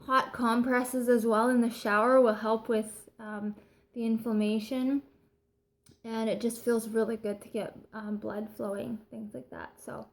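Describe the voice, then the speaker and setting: A woman's voice: a little high, level tone, a little slow. A woman with a Canadian accent giving casual, chatty advice in a vlog, speaking informally. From British Columbia, Canada. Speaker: vlogger sharing recovery tips.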